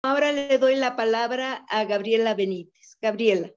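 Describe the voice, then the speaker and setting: A middle-aged woman hosting an online art exhibition, with a measured, slightly formal delivery. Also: a little high. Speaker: gallery host and painter. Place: home room. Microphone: video call, camera a few feet away. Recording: dull lo-fi video call audio.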